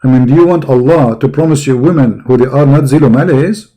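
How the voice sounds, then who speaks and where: A man's voice: medium pitch, a little fast, dark tone. A man giving sarcastic, mocking religious commentary, saying he is losing his voice.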